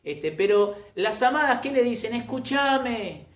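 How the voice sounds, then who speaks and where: A man's voice: animated, unhurried, roomy sound. A man preaching a sermon, emphatic, often repeating and restarting phrases. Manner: emphatic, with sudden rises in pitch and loudness. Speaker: pastor.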